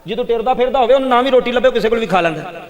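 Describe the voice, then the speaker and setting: A man's voice: extremely high pitch, expressive, rapid-fire, long reverb tail, pitched above the performer's own voice. A man with a Pakistani Punjabi accent voicing a devoted youngest son who speaks earnestly in a sermon story.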